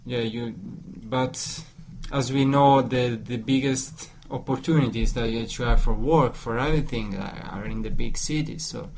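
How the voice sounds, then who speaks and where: Italian man with a halting manner. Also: medium pitch, vocal fry, a little mellow, slight background noise. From Italy. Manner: halting, many restarts and fillers. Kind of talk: casual discussion.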